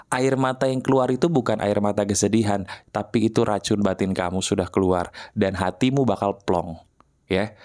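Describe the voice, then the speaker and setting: A man coaches listeners through an exercise in a motivational talk. His voice swings lively up and down as he coaxes them and keeps asking whether they are ready. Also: mid-range voice. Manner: coaxing, repeatedly checks the listener is ready. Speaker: motivational speaker.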